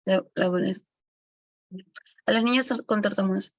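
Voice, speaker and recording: A woman's voice: mid-range voice, a little slow, no echo, highs cut off. Woman lecturing with a dry close sound. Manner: explanatory, with frequent self-corrections. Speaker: instructor for early-education assistants. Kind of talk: online lecture.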